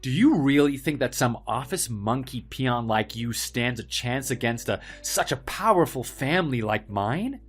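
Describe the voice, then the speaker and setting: An actor playing an arrogant, spoiled young heir who bullies office workers in a dramatized story, with a mocking, pompous manner. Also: male voice, medium pitch, lively intonation, normal speed, hardly any pauses, breathy edge, soft background music. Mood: mocking, threatening. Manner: mocking, pompous, loud swings of emphasis.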